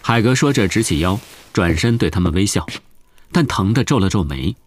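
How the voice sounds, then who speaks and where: Low-voiced male audiobook narrator. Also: expressive, moderate pace.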